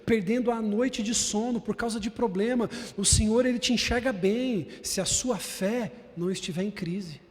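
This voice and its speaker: A man's voice: high voice, normal speed, hardly any pauses, big-room sound. A man preaching a sermon as a bishop, pressing his points with emphatic repetition and calling the congregation brother. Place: large church hall.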